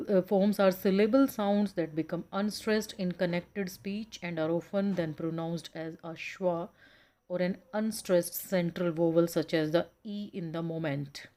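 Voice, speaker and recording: A young woman with an Indian accent teaches English pronunciation in an online lesson. She reads English lines slowly, then explains them patiently in Hindi. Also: on the low side, dark tone. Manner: patient, explanatory, addresses students as children.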